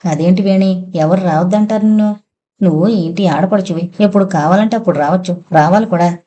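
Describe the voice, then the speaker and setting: A woman voicing a kind elder sister-in-law who speaks softly and soothingly to a younger woman. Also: fairly low pitch, brisk, lo-fi sound, natural voice. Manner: soft, affectionate, soothing. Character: caring elder sister-in-law, gentle middle-aged woman.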